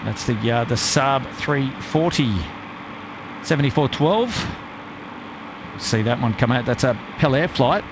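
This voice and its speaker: A man's voice: medium pitch, lively intonation, a little slow, long pauses. Casual male streamer with noisy background. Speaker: live stream host and plane-spotting commentator. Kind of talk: casual live commentary.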